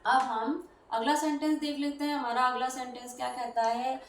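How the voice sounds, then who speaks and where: A woman's voice: sits high, flat delivery, normal speed, a little hiss or hum. A woman teaching a grammar lesson, explaining patiently and step by step. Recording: roomy echo, voice from a distance.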